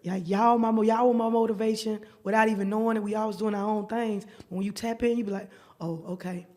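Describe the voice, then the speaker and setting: Lively storytelling woman. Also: a little high, quick pace. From Alabama, US. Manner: lively storyteller, slangy, acts out dialogue. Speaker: guest private chef. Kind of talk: casual podcast chat.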